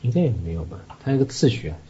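A man from Zhejiang co-hosting a radio Bible study, giving measured, agreeable replies. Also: medium pitch, sing-song, mellow, husky, lo-fi sound. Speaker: co-host reading scripture.

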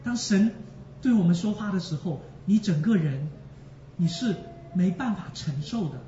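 A man with a high, widely swinging voice preaches with emotion, repeating lines for emphasis and calling out to his listeners. He sounds far from the mic in an echoey space, and the recording is dull. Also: lively intonation, moderate pace, dark tone, slight background noise. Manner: addresses the congregation directly. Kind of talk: sermon.

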